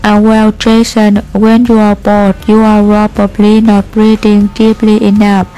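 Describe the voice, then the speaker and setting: A woman reading the part of a patient adult schoolteacher, explaining calmly in a slow, steady read with hesitant fillers. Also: mid-range voice, smooth, faint music behind, natural voice, low-quality recording.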